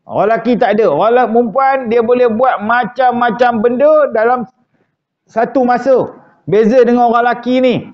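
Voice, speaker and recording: A man's voice: very high voice, steady tone, a little fast, muffled recording. A Malaysian man teaching an evening mosque lecture in a joking, conversational way, often acting out quoted wives. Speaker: religious teacher. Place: prayer hall.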